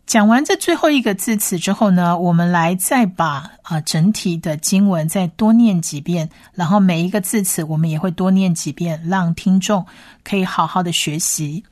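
A woman giving a slow pronunciation lesson as a teacher, spelling out sounds letter by letter and repeating each syllable patiently. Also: fairly low pitch, darkish tone, dry recording, studio quality. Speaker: Hebrew teacher.

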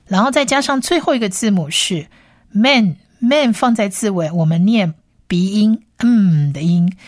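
A woman teaching a language lesson on air, patiently spelling out sounds and repeating each word slowly. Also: mid-range voice, dry recording, studio quality.

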